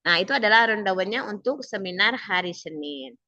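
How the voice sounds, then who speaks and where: Bright-voiced woman coaching trainees. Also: mid-range voice, normal speed, dry recording. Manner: chatty, instructive, acts out sample dialogues. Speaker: training mentor. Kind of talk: online class briefing. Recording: dull lo-fi video call audio.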